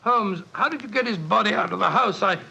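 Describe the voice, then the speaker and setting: High, creaky, earnest Doctor Watson. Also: male voice, brisk, full character voice. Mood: concerned, puzzled. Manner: earnest, excitable, old-fashioned exclamations. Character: loyal, anxious gentleman doctor, earnest companion and narrator. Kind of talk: 1940s radio drama acting. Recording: muffled, hissy 1940s radio recording.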